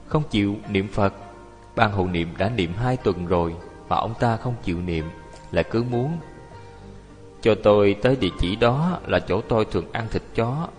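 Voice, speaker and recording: A man's voice: on the low side, a little mellow. Man giving a dharma talk. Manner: storytelling, acting out the people he quotes. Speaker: Buddhist lay teacher. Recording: long hall reverb with faint music.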